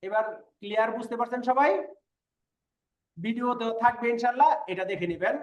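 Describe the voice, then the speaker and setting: A man with a fairly high voice gives an online lesson, patiently repeating sounds and asking his students whether they follow. The recording carries a noticeable room echo. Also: a little fast. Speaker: Korean language teacher. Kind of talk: online class lecture.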